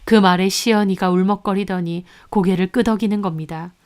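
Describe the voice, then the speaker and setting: A woman narrating a first-person story in a plain, steady reading voice. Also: mid-range voice, a little fast, clear, resonant tone.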